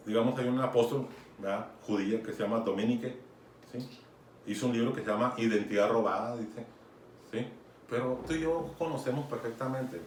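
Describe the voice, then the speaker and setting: A man's voice: medium pitch, darkish tone. A man preaching a sermon in a conversational teaching manner, often checking in with his listeners. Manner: conversational teaching, keeps asking "¿sí?" and urging "fíjate bien". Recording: echoey room, mic far off, some noise.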